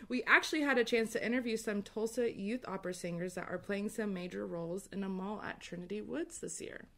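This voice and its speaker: A woman's voice: mid-range voice, brisk, vocal fry. A woman co-hosting a casual podcast, upbeat and agreeable, often answering with a short "yeah". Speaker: podcast co-host.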